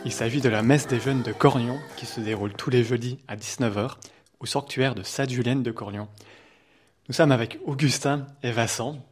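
A young man hosting a radio show, giving clear, scripted introductions and questions. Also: mid-range voice, fairly even intonation, moderate pace, faint music behind. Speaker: radio host.

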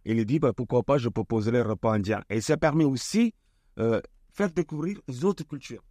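A man being interviewed on the radio about an event he organizes, speaking hesitantly with many pauses. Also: mid-range voice, mellow, no echo, studio quality. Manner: hesitant, many fillers and restarts.

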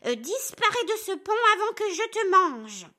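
A greedy bridge troll shrieks his threats in a high, piercing voice that leaps all over the place, put on by a woman reading aloud. It's a storybook troll with a nasty temper, shouting rather than speaking, every line bright and sharp. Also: sing-song, normal speed, full character voice. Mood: furious, menacing.

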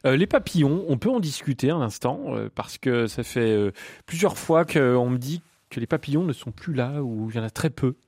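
A man's voice: medium pitch, normal speed, no room sound. Man hosting a radio phone-in. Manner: relaxed, reads listener questions. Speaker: radio host. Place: radio studio.

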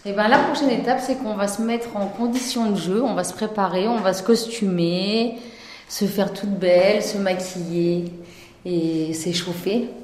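A woman gives explanatory interview answers. Her tone is dark and rounded, at a medium pitch, and the room around her echoes noticeably. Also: fairly even intonation, a little slow. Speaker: professional care-setting clown. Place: echoing room in a care home.

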